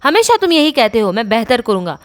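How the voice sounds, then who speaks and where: A woman voicing a clingy, possessive female talking sword with a shrill, scolding manner. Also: sing-song, fairly quick. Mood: indignant. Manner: shrill, scolding, guilt-tripping.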